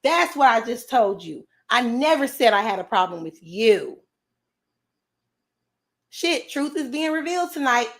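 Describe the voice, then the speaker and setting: Brash, high-voiced woman livestreamer. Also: big pitch swings, unhurried, pauses often. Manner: brash, profane and confrontational, answering chat comments. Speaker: livestream host. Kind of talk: casual livestream chat.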